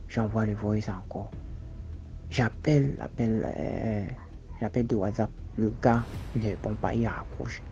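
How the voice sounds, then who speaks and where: A man with a Cameroonian French accent telling a first-person story casually, halting with many restarts and fillers. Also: lowish voice, warm tone. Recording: dull lo-fi audio with faint noise.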